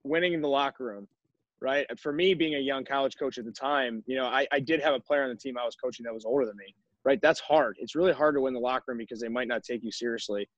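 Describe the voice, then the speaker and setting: A young man who coaches college baseball speaks emphatically to fellow coaches on a video call, often ending his points with "right?". His voice is medium in pitch and quick, with no room sound. The video-call audio is dull and dry.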